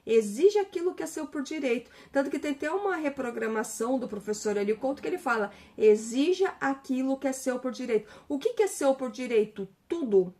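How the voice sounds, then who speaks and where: A woman's voice: sits high, expressive, fairly quick, few pauses, mellow. A Brazilian woman giving a casual spiritual monologue, chatty, with many restarts, retelling conversations. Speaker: spiritual talk host.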